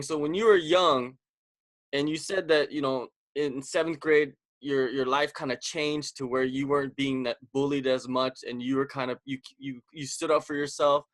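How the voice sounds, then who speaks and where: A man's voice: a little high, a bit bright, no echo. A man from the US West Coast hosting a podcast interview. He talks casually, filling his sentences with "like" and "you know.". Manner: conversational, filler-heavy with frequent "like". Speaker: podcast host.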